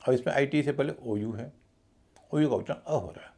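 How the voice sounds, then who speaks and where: A man's voice: mid-range voice, brisk, darkish tone. A man teaching English pronunciation in a video lesson, explaining the rules methodically and spelling words out letter by letter.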